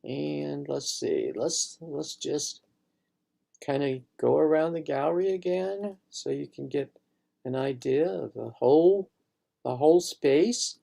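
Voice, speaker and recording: Slow and mellow, with a touch of vocal fry and a slightly high pitch, a painter casually shows viewers around his online exhibition. It's a live gallery tour in which he rambles and thinks aloud, frequently starting over.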